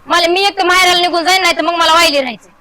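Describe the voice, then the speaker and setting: A woman's voice: extremely high pitch, fairly even intonation, racing, sharp tone. A woman playing a defiant young daughter-in-law who argues and talks back sharply.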